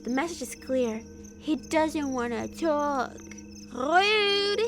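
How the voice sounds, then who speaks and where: A woman's voice: high-pitched, slow pace, over music. A young woman streamer reading a story game aloud, playful and laughing between lines.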